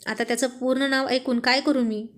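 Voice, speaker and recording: A woman doing a jealous young husband and boss in a spoken storybook, irritable and blustering. The voice stays high-pitched. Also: steady tone, brisk, natural voice. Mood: irritated.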